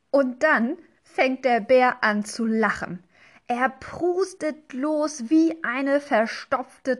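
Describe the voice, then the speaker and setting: A woman, a teacher, reading a children's storybook aloud in a gentle, lively way. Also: on the high side.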